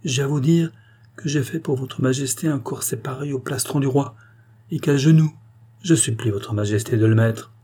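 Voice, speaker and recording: Brief: male narrator voicing a devoted maid, earnest pleading reads, husky. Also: mid-range voice, normal speed, dark tone, voice pushed up, natural voice. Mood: imploring. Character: devoted, anxious lady's maid.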